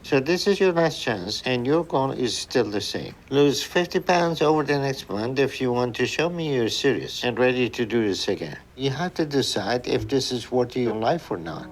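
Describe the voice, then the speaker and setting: A man's voice: medium pitch, animated, normal speed, few pauses, rough recording. A man in the role of a doctor, giving a patient firm, direct advice.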